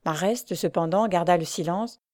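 A woman narrating a classic novel in a measured storytelling manner. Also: fairly low pitch, dark tone, no room sound, clean studio sound.

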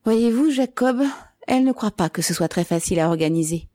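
A woman reading aloud, voicing an eager, fervent young man who talks excitedly and insists, pitched higher than her narration. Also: a little fast, dry recording, clean studio sound, natural voice. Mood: eager urgent.

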